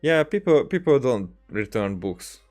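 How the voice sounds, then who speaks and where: A game streamer chats casually during a livestream over background music, his medium-pitched voice sing-song and somewhat dark. He halts and rambles, repeating words as he tells anecdotes.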